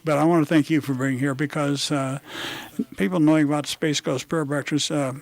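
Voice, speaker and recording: A man hosting a radio talk show, interviewing guests in a casual, halting way with many fillers and restarts. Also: on the high side, fairly even intonation, creaky. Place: radio studio.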